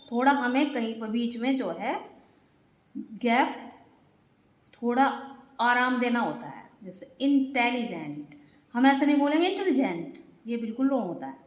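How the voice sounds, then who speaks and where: High-pitched woman teaching children. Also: echoey room, poor audio. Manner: patient, spells out letters one by one; repeats points and keeps addressing the children. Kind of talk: explaining grammar to children.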